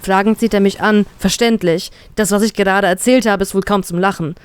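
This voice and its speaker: Woman reading her story out loud, calm, mid voice, dry close sound. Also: mid-range voice, a little fast, smooth, no echo. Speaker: fanfiction reader. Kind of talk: first-person story reading.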